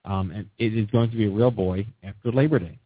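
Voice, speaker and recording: A man's voice: lowish voice, a little fast, husky, no room sound. A man in his forties hosting a radio talk show, chatty and enthusiastic, rambling with many fillers and restarts. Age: 40s. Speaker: host. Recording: dry, tinny phone-like line.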